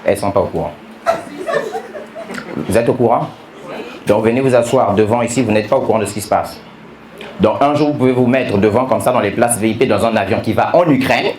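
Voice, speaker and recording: A man performing stand-up comedy, telling stories in an animated way and teasing the audience. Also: fairly low pitch, fairly quick, pauses often, background noise. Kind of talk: stand-up comedy with crowd work. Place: comedy club stage. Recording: roomy club sound with live audience.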